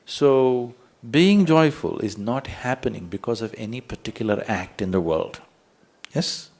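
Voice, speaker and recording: A man's voice: mid-range voice, animated, unhurried, a little mellow. Emphatic man asking rhetorical questions. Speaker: spiritual teacher. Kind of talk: spiritual talk to an audience.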